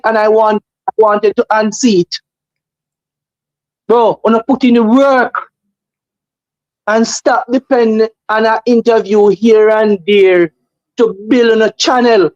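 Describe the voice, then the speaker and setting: High-pitched Jamaican man, emphatic and opinionated. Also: darkish tone, dry recording, highs cut off. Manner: emphatic, repeats phrases for effect. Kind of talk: opinionated casual talk.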